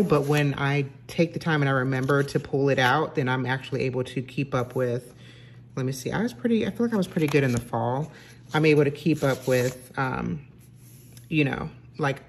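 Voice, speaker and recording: Woman, middle-aged, low voice, casual home vlog, chatty, lots of ums. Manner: chatty, self-correcting, many fillers. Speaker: lifestyle vlogger. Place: home dining room, indoors.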